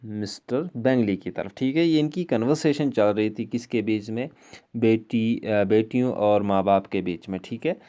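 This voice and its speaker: Male teacher, Kashmiri accent, mellow tone; slow line readings, patient explaining. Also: lowish voice. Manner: reads English lines slowly, then explains with frequent "ठीक है?". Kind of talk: explaining an English prose lesson in Hindi-Urdu.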